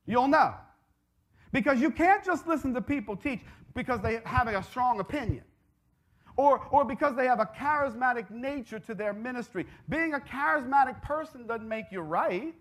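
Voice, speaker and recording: A woman's voice: a little high, animated, moderate pace. A woman preaching a sermon, emphatic and repetitive, calling out to the congregation and stressing her key words. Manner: emphatic, repeats phrases, calls out to the congregation.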